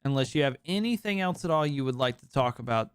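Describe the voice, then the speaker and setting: A man's voice: medium pitch, expressive, fast, smooth, no room sound, studio quality. A tired young man hosting a podcast, talking in a rambling, candid way and swearing freely late at night. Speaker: podcast host. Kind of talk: late-night casual chat.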